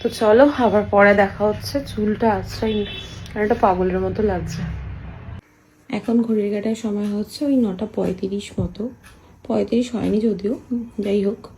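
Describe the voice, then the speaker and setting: A woman vlogging softly at home, chatting about her chores while someone sleeps nearby. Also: medium pitch, fairly even intonation, normal speed, soft background music, poor audio. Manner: soft, hushed talk so as not to wake a sleeper; chatty, homely running commentary on chores. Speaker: family vlogger. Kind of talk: casual vlog narration. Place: home, indoors.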